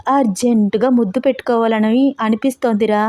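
A woman's voice: on the high side, fairly even intonation, brisk, dark tone, no room sound, clean studio sound, close to an everyday voice. A woman voicing a playful young woman who teases her fiancé with coy remarks. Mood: teasing. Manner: teasing, coy.

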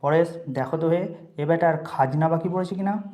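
A reader voicing a harsh, contemptuous middle-aged estate agent of a landlord, who barks insults and scolds loudly. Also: mid-range voice, moderate pace, close to an everyday voice. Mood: scornful, scolding.

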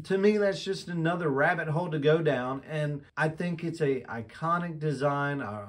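A man with a slightly raised speaking pitch reviews a collectible lighter from his display room. He talks candidly and with enthusiasm, breaking off and restarting sentences as he gathers his thoughts. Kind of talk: casual product review vlog.

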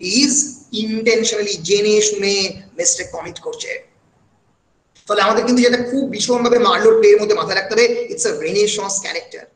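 Man, high voice, literature lecture, many "uh" fillers, roomy echo. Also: normal speed, a bit bright. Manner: recites quotations with feeling. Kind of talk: online lecture mixing Bengali and English.

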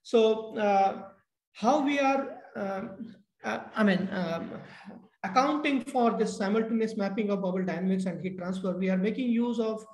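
A middle-aged man giving a technical keynote lecture over a video call, halting with many fillers and restarts. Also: sits high, darkish tone. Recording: echoey room.

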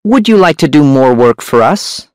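A man doing a sharp, high-voiced hunchback gangster. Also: big pitch swings, normal speed, dry recording, studio quality. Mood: shrewd, menacing. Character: sharp-voiced hunchback male crime boss, shrewd and menacing.

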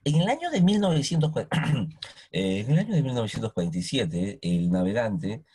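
Husky-voiced teacher giving a history lesson. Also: male voice, fairly low pitch, brisk. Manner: questioning, coaxing, animated.

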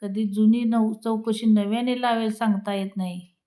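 A woman's voice: fairly high pitch, steady tone, normal speed, very noisy. A woman reading a string of husband-and-wife jokes to her audience. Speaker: joke teller.

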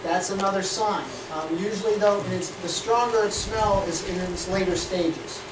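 A man's voice: sits high, moderate pace. A man in his forties teaching a beekeeping class, explaining practical points with plenty of fillers. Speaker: beekeeping instructor. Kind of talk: hands-on teaching talk. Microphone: far camera. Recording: echoey and noisy from far off.

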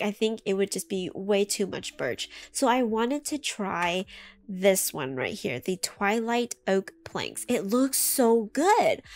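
A young woman chatting casually through a game, easily startled, often yelping and screaming in alarm. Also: medium pitch. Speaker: gaming YouTuber. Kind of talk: casual let's play commentary. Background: soft background music.

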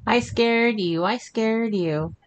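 A man with a very deep voice voicing his teasing, skeptical wife in a high, drawn-out voice during a spoken horror story. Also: lively intonation. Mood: taunting. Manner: taunting, slow and drawn out.

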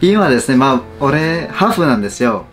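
A man's voice: medium pitch, sing-song, racing, a bit bright, faint music behind. A young man in his twenties with a Japanese accent, chatting casually with strangers on a webcam, polite, shy and laughing often. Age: 20s. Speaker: vlogger. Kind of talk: casual video-chat banter. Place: small bedroom with gaming chair.

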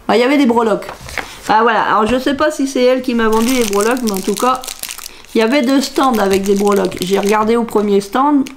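A woman's voice: a little high, slight background noise. A middle-aged woman chatting casually to camera from her craft room, musing aloud and half-singing repeated phrases as she hunts through her purchases. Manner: musing aloud, sing-song repeated phrases while searching. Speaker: crafts vlogger. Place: home craft room, indoors.

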